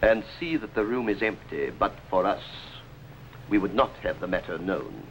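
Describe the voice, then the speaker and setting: A scheming medieval king in an old TV costume drama. His voice sits low and his speech is grand and imperious. A faint noise runs under the recording. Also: expressive, moderate pace. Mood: haughty, menacing. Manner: imperious, formal royal speech. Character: haughty, scheming tyrant King of England, easily angered. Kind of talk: 1950s television costume drama acting. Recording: faintly noisy old TV soundtrack.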